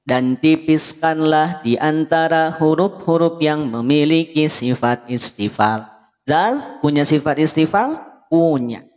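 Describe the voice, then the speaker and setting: Male recitation tutor, unhurried and checking in often, voice ringing with long reverb. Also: fairly high pitch, animated, a little mellow. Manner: patient, checks understanding often; demonstrates sounds by chanting them. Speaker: Quran recitation teacher. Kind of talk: live online lesson.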